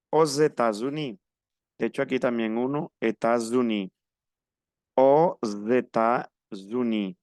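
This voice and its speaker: A man's voice: mid-range voice, clear, resonant tone, no echo, clean studio sound. A man teaching a French class to Spanish speakers, explaining patiently and spelling out pronunciation. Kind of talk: online class instruction.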